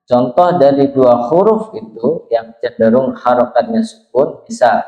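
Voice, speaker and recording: A man's voice: medium pitch, measured pace. A man teaching the pronunciation of Quranic letters in a small prayer room, patiently demonstrating sounds and drawing out recited words. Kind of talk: slow Quran pronunciation lesson. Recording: roomy, dull lo-fi sound.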